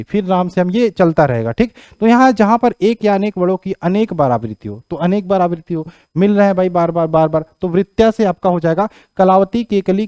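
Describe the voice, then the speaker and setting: A man teaching an exam-prep grammar lesson, repeating key phrases and checking with the class whether it is clear. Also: dry recording, studio quality. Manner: rises in pitch and loudness when explaining examples.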